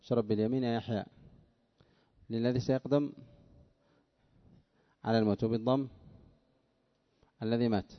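A male scholar teaching a classical text, reading passages aloud, explaining grammar in a measured way and questioning his students. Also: medium pitch, fairly even intonation, lo-fi sound.

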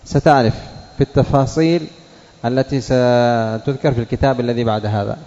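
A man teaching a classroom lesson on word forms, sounding out each example slowly and quizzing students by name. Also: medium pitch, fairly even intonation, warm tone. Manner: drills words by saying the base form then the changed form, questions students by name. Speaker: teacher of Arabic morphology and Quran reading. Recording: dull lo-fi classroom recording with long reverb.

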